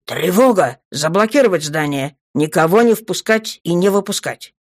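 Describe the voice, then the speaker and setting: A woman voicing a stern male dark lord who barks curt orders, in an audiobook. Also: on the low side, expressive, normal speed. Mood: commanding.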